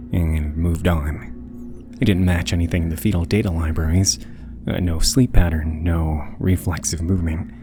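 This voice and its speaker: A man narrating a scripted scary story in the first person, in a low, haunting, hushed voice. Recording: music behind the voice. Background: music.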